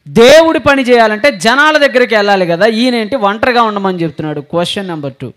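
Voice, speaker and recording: A man's voice: high voice, animated, fast, fairly bright tone. A male preacher with a sore throat delivering a sermon, firing rhetorical questions at the congregation and answering them himself.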